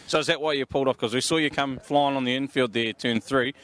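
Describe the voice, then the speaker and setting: Male pit-lane interviewer, broad Kiwi accent, casual and matey, mid-pitched, outdoors with faint engine noise. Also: fairly even intonation, fast talker, fairly bright tone. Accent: New Zealand. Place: outdoors in speedway pits.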